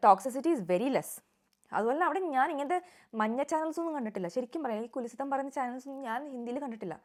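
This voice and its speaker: A young woman giving casual, opinionated vlog commentary on a reality show, mixing in English words. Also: fairly high pitch.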